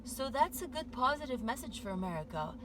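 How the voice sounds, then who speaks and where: A woman's voice: fairly high pitch, fairly quick. A woman giving a meandering spiritual monologue, full of "like" and "you know" fillers. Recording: steady background noise.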